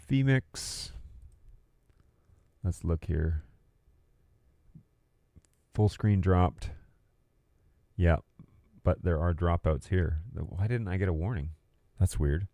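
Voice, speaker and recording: This livestream host has a low, mellow voice captured with studio quality and no room sound. He rambles and thinks aloud in a casual stream chat about video production gear.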